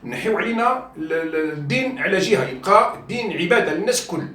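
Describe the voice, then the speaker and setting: A man's voice: high-pitched, lively intonation, fast talker, sharp tone, echoey room, distant mic. A man journalist with an Algerian Arabic accent gives impassioned video commentary, appealing to viewers, swearing oaths and stumbling over repeated words.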